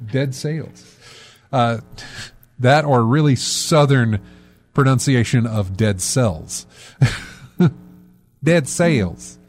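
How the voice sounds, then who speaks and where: A man hosting a casual gaming podcast, rambling and correcting himself with lots of fillers. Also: medium pitch. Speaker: podcast host.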